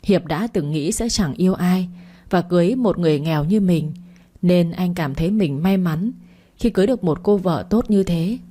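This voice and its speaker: Low, mellow woman narrating a story. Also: normal speed.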